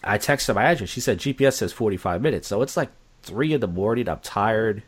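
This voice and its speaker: A man's voice: fairly low pitch, animated, quick pace, slightly rough. A young man telling a story casually, acting out the quoted voices with animation. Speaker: guest.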